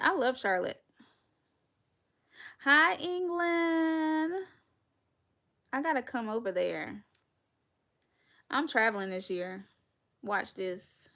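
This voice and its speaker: Chatty Southern woman in her thirties, gravelly. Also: medium pitch, fairly bright tone. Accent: Southern US, North Carolina. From North Carolina. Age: 30s. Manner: chatty, addresses viewers as y'all, laughs often. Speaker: podcast host. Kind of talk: casual livestream chat.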